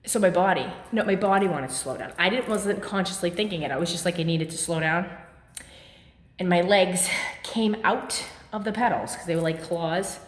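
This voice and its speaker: A woman's voice: on the low side, moderate pace. A woman giving a casual workout demonstration at home, chatty and full of fillers, a little out of breath from the exercise. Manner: chatty, filler-heavy, lively. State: slightly out of breath. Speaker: fitness vlogger. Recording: echoey room with long reverb.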